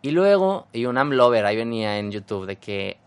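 A man with a Mexican Spanish accent talks through a casual motivational podcast monologue. His voice is smooth and resonant, at an ordinary male pitch. He is animated and self-mocking, often slipping into an impression of his own inner voice. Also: brisk. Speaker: podcast host.

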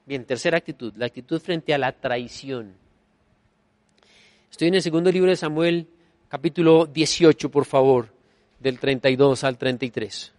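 A pastor preaches emphatically at a moderate pace and medium pitch, with no echo. His volume swings between soft and loud, and he repeats key phrases as refrains.

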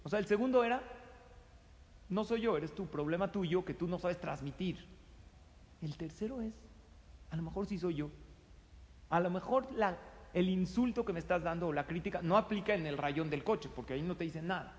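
A middle-aged man with a Mexican accent gives a conversational advice talk, acting out the quoted exchanges in a lively way. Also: high-pitched, moderate pace, long pauses. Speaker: speaker giving advice. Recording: long hall reverb.

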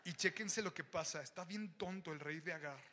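A young man with a Mexican accent preaching an animated, joking sermon to young people, often raising his voice. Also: fairly high pitch, fairly quick. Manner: animated, joking, shouts to the crowd. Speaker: youth preacher. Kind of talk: lively sermon.

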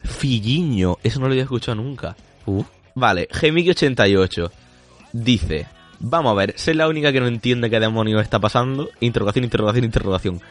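A man's voice: medium pitch, animated, a little fast, soft background music. Laughing, swearing male podcast host. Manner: laughs often, swears casually. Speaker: podcast host reading listener comments. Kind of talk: casual podcast chat.

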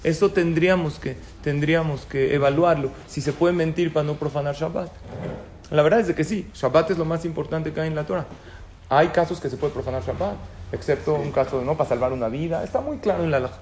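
This rabbi lecturer tells stories and asks the audience questions during his religious talk, recorded in an echoey room with faint ambience. He speaks briskly in a fairly high, darkish-toned voice, with a little hiss or hum present.

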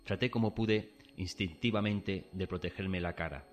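Deep low spanish guy telling a spooky story slow and solemn, soft music underneath. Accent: Spanish from Spain. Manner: measured, solemn. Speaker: narrator and protagonist. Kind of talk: scripted first-person storytelling. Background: faint background music.

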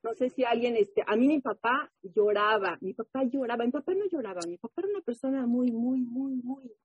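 Animated woman sharing her testimony. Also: a little high, brisk, husky, no echo. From Mexico. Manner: animated, often asks the listeners questions. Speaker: speaker at a recovery group meeting. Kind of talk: personal testimony and reading aloud to a group. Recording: muffled phone-like audio.

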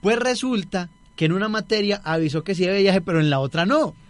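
A man's voice: sits high, fast talker. Young man telling a story. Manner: storytelling, acts out quoted voices. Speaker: radio show co-host. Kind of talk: casual chat.

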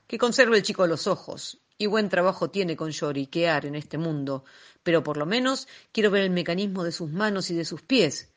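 A woman reading an audiobook voices a cruel, menacing old male alchemist with a hoarse, shouting, sardonic voice. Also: lowish voice, sing-song, brisk.

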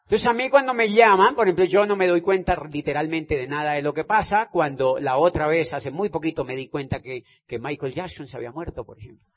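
A man's voice: on the high side, fairly quick. A man giving an emphatic motivational stage talk, repeating phrases and checking that listeners understand. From Colombia. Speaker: motivational speaker. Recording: dull lo-fi sound.

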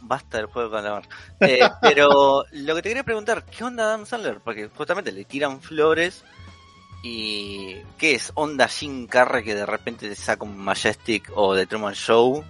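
A man with a Rioplatense accent, co-hosting a casual chat, asking questions with slangy jokes and quick asides. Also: mid-range voice, animated, a bit bright, soft background music. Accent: Rioplatense Spanish. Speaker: podcast co-host.

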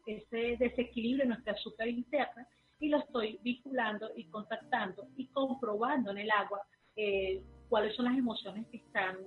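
A Venezuelan woman, a therapist and guest, answering interview questions quickly, with many fillers and restarts. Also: a little high. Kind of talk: remote interview. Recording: tinny phone line.

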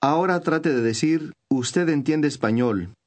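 A man giving clear, patient scripted instructions as a language course narrator. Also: a little high, unhurried, darkish tone.

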